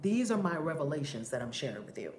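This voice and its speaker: A woman giving a casual spiritual teaching on a livestream, animated, laughing often and swearing casually. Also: low-pitched, quick pace. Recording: roomy with faint background noise.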